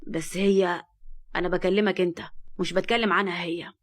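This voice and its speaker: A woman with an Egyptian accent voicing a cold, domineering rich man who speaks curtly and low. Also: steady tone, brisk, close to an everyday voice. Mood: cold, commanding. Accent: Egyptian Arabic. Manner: curt, low and menacing.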